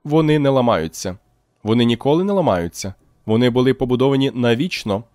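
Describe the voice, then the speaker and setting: A man reading an audiobook, putting on a higher voice for a touchy, self-satisfied male technician who bursts out indignantly. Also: expressive, brisk, a little mellow, no echo, studio quality, lightly acted. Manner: shrill, indignant outbursts.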